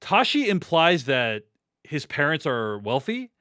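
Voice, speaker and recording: Male podcast host, animated pitch, dry close sound, talks through film scenes casually. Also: measured pace, clear, resonant tone, no room sound. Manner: chatty, recapping scenes with lots of "like".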